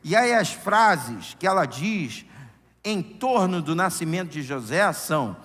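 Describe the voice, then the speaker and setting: A man's voice: sits high, expressive, measured pace, fairly bright tone. A middle-aged Brazilian man preaching a sermon in church, conversational and humorous, telling anecdotes into a microphone. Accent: Brazilian Portuguese. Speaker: pastor. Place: church sanctuary. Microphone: handheld or stand microphone. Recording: long church hall reverb.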